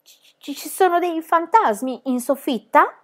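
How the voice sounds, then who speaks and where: A woman voicing a timid, easily frightened little girl who stammers in hushed tones. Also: high-pitched, expressive, moderate pace, voice pushed up.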